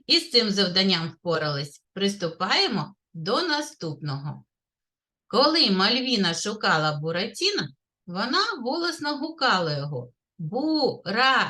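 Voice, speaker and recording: A woman kindergarten teacher with a Ukrainian accent, leading a literacy lesson for young children in a classroom, speaking clearly and praising the children often. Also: medium pitch, very animated, pushed and bright. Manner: slow, clear, sing-song teacher talk, praising often.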